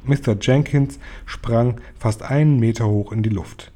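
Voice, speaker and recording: A man reading a children's story aloud in a steady storytelling manner. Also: medium pitch, a little slow. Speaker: narrator. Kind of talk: audiobook reading.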